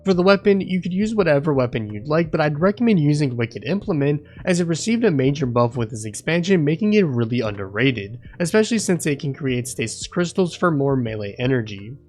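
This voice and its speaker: A man reading a scripted voice-over walkthrough in a steady, explanatory way. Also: a little high, fairly quick, few pauses, soft background music. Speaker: video game guide creator.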